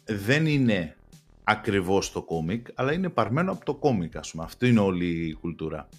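A young man co-hosts a podcast, chatting casually about TV series in a rambling way full of restarts and fillers. His voice is lowish and sing-song with a breathy edge, and soft music plays in the background.

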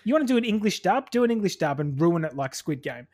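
Man co-host, fairly high voice, animated and opinionated, casual review chat. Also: fast. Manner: animated, opinionated, acts out quotes. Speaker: podcast co-host.

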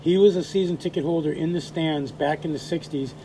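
A man's voice: fairly high pitch, fairly quick, mellow, slight background noise, rough recording. A middle-aged man chatting earnestly on a podcast with his son, telling stories in a casual way. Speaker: host's father, co-host. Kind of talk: casual chat.

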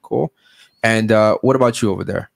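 A man's voice: lowish voice, moderate pace, vocal fry, no echo, studio quality. A young adult man hosting a podcast, questioning guests in a blunt, crude, teasing way. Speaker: podcast host. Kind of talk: blunt questioning panel talk.

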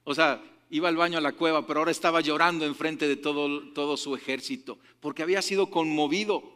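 A man preaching a sermon as a pastor, lively and often checking in with his listeners through quick questions. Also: a little high, clear, resonant tone, in a large hall.

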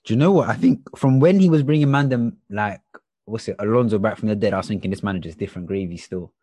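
A young man with a London roadman accent and a husky voice, chatting casually about football in heavy street slang. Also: on the low side, quick pace, warm tone, no echo. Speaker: football podcast panellist.

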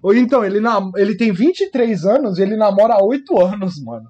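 A Brazilian man with a high-pitched voice trades slangy jokes with his co-host and laughs often. He speaks in loose, casual podcast banter. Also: sing-song, fast, darkish tone, highs cut off. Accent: Brazilian Portuguese.

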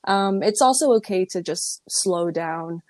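Relaxed young woman with a dry sound. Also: medium pitch, a little slow, dry recording. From Middle East or North Africa. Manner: relaxed and reflective, with many ums and likes. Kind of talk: casual chat.

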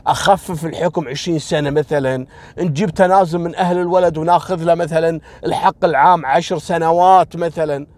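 A man's voice: steady tone, fast, a little mellow, dry recording. A man telling a spoken story casually, lifting his voice to act out the characters. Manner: acts out quoted characters with raised pitch.

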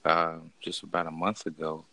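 Deep gravelly joking man. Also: completely flat delivery, normal speed, bright, forceful tone, low-quality recording. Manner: dry teasing jokes. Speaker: podcast co-host. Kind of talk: casual podcast banter.

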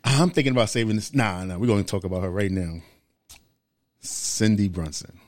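Brief: young male podcast co-host, animated and slangy, lowish voice, dry sound. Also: moderate pace, no echo. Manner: animated storyteller, slangy and laughing. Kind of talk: casual podcast chat.

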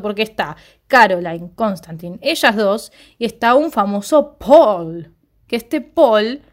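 A young woman with an Argentine Rioplatense accent, recapping a TV series in casual chat. She tells the story with energy and jumps up in pitch to act out what the characters say. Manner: animated storyteller, jumps high to act out quoted lines.

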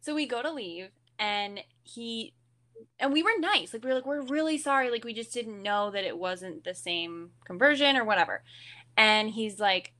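A young woman guest on a podcast, telling an animated anecdote in casual chat and saying "like" a lot. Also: mid-range voice, moderate pace. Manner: animated storyteller, lots of "like".

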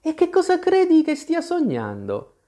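A reader voicing Tweedledee, a boastful, quarrelsome boy twin in a storybook, taunting in a high, loud voice. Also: huge pitch swings, moderate pace, full character voice. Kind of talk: storybook reading.

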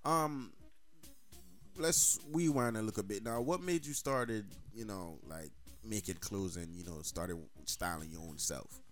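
A man hosting a live call-in podcast, talking in a loose, excitable, slangy, rambling way. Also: lowish voice, measured pace, soft background music. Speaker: podcast host. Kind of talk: casual live call-in chat.

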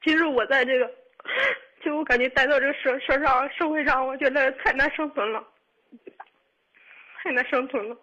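A woman of twenty-two calling a radio show, upset and tearful, speaking in halting, repetitive bursts. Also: sits high, fairly even intonation, sharp tone, dull audio. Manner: halting, repetitive, restarts often. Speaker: caller. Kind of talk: radio call-in.

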